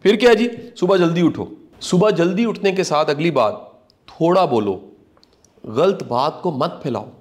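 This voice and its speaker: Earnest man preaching lessons, higher voice. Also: animated, a little mellow. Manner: earnest, preacherly, repeats key lines for emphasis. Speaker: motivational speaker. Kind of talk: reflective commentary talk.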